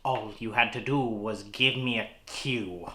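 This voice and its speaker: A man playing a pompous, easily offended thespian in a horror host sketch, declaiming with grand dramatic pauses. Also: fairly low pitch, steady tone, sharp tone. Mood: grandly dramatic. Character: pompous, easily offended theatrical male thespian reciting poetry. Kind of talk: hammy theatrical recitation in horror host sketch.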